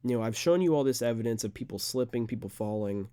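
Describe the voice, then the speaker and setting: A man's voice: medium pitch, expressive, fast, warm tone, clear, resonant tone, no room sound, studio quality. A young man, an amateur fighter, talking straight to camera in an unedited, rambling monologue full of filler words. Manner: rambling, earnest, filler-heavy.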